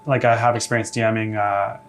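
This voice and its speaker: A man running a tabletop game as dungeon master, relaxed and hesitant, laughing easily. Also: fairly low pitch, brisk, a little hiss or hum. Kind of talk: casual tabletop game chat.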